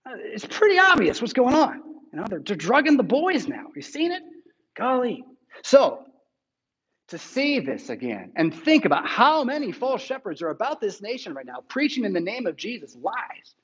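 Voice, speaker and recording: A man preaches a sermon in a loose, conversational way, breaking up his scripture reading with quick "right?" asides. His voice sits high for a man. The recording sounds dull and lo-fi. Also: huge pitch swings, a bit bright, breathy edge. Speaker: pastor.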